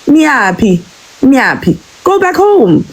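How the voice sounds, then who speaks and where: Husky, agitated South African woman. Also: high-pitched, sing-song, slow pace, rough recording. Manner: agitated, exasperated, repeats herself. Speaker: caller in a live audio discussion. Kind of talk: angry rant.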